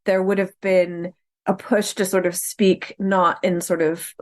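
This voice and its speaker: A woman chatting in a podcast film discussion, animated and acting out quoted lines, with frequent fillers and restarts. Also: on the low side, a little slow.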